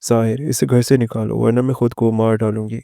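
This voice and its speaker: Angry threatening older sister, read by a man, flat delivery, dark gravelly tone. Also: medium pitch, no echo, studio quality, natural voice. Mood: furious.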